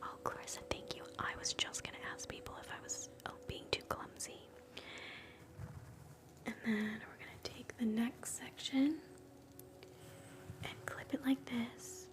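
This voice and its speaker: A woman whispering softly through an ASMR scalp-exam role play, chatting gently with live viewers between slow steps. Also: fairly high pitch, steady tone. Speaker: ASMR livestream host.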